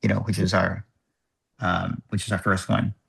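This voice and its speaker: A man chairing an online work group meeting, thinking aloud in a halting, measured way over a video call microphone. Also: low voice, flat delivery, gravelly, a bit bright, husky.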